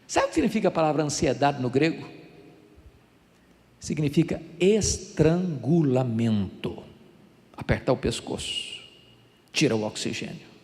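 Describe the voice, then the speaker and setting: A man in his sixties with a Brazilian accent, preaching a sermon in a church with animated storytelling and emphatic, building delivery. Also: a little high, unhurried, pauses often. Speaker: pastor. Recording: long church reverb.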